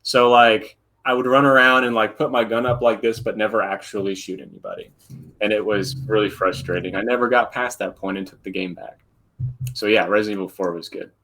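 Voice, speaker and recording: A man's voice: on the low side, fairly even intonation, brisk, a bit bright, poor audio. A man in his thirties co-hosting a podcast, chatting casually and rambling through stories. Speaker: podcast co-host. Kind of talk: casual chat.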